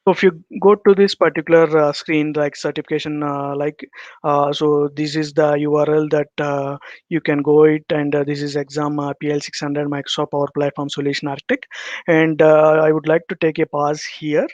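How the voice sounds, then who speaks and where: A man in his thirties with an Indian accent gives a halting, repetitive online presentation over a video call. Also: fairly high pitch, little pitch movement, darkish tone, no echo. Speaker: guest presenter, solution architect. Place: indoor room, on a video call. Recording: dull, close-sounding video call audio.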